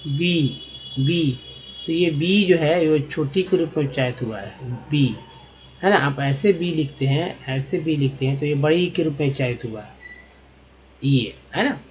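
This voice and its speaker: A man teaching English pronunciation in Hindi, repeating each example word slowly and often checking in with "है ना" and "दोस्तों". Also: fairly high pitch. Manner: addresses viewers as friends. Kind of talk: spoken lesson.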